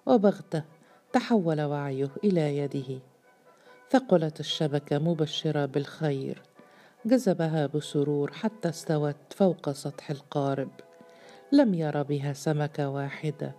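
Low-voiced woman narrating a story. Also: normal speed, warm tone, faint music behind.

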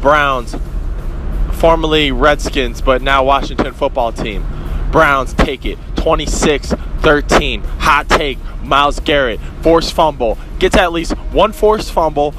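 A man's voice: fairly high pitch, measured pace, fairly bright tone, soft background music, rough recording. A young man and part-time co-host sending in his predictions with a laid-back swagger. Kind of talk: recorded voice message with predictions.

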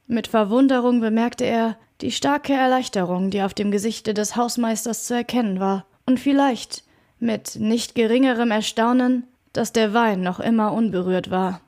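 A woman's voice: fairly high pitch, a little mellow. Woman reading a classic audiobook. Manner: clear, measured reading. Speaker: audiobook reader. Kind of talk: audiobook narration.

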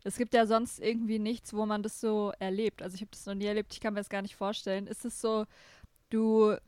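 Young woman in relaxed, informal podcast chat. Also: mid-range voice, brisk, clean tone, no echo. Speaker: podcast co-host. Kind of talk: casual chat.

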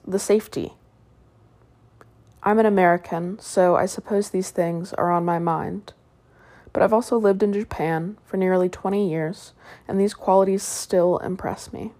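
A woman with a slightly low voice reads as a sleep story narrator. She delivers a written article in a soothing bedtime narration style. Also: a little mellow.

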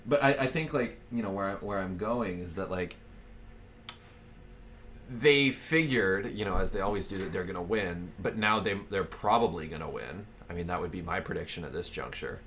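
Brief: deep-voiced male podcast co-host, rambling and sarcastic, faint noise behind. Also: normal speed, fairly bright tone. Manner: rambling, many fillers and restarts; sarcastic, profane. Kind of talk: casual political podcast chat.

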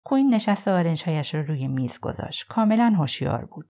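A woman narrating an audiobook in a calm, measured storytelling manner. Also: deep voice. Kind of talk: scripted narration.

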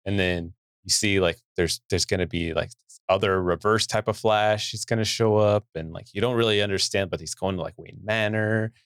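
Brief: relaxed male host, lowish voice, dry mic, casual banter. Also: moderate pace, smooth, dry recording. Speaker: podcast host. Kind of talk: casual chat.

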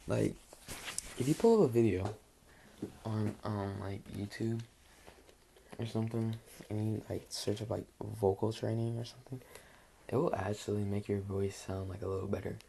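This is a late-night solo podcast, hosted casually by a young man sitting on his bed in his bedroom. He talks at a moderate pace in a lowish, gravelly voice, leaving long pauses and rambling in a relaxed, sleepy, dry way with plenty of fillers. Faint hiss runs underneath.

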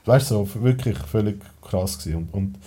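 Swiss german man, very dark voice, husky, rambling with restarts, blunt swearing, casual podcast guest. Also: lowish voice, a little fast. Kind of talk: casual personal conversation.

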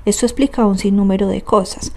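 A guilt-ridden young man pours out a brooding, anguished confession, as a woman reading the book puts him on. The voice stays mellow and soft-edged, never harsh. It is a plain storybook reading. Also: medium pitch, fairly even intonation, a little fast, lightly acted. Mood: despairing.

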